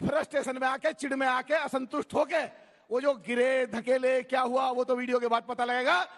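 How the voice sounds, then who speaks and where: A man arguing forcefully on a TV debate panel, talking over others with repeated phrases. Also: extremely high pitch, level tone, brisk, big-room sound. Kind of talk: heated TV debate argument.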